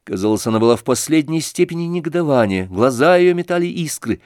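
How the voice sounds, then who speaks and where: Male audiobook narrator, expressive measured reading, fairly high voice, close and dry. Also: no echo. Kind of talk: scripted narration of a classic novel.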